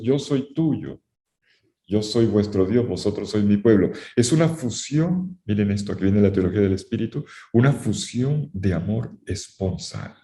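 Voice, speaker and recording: A man's voice: lowish voice, dark tone, echoey room. A man teaching a university Bible class, emphatic, repeating his key phrases and speaking straight to the students. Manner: addresses students directly. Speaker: Bible lecturer.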